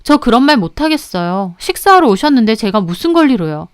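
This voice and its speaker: Young female storyteller, earnest, clear voice, close dry recording. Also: fairly high pitch, sing-song, a little fast, no room sound. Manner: earnest, recounting events. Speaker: narrator. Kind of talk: storytelling narration.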